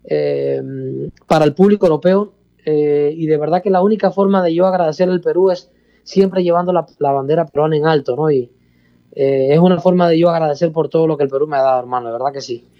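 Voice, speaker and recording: Talking fast with fairly even intonation, a middle-aged Cuban man with a Cuban accent, who leads a salsa band, rambles casually as an interview guest, repeating himself and calling the host "hermano." His voice is on the high side, and the recording's highs are cut off.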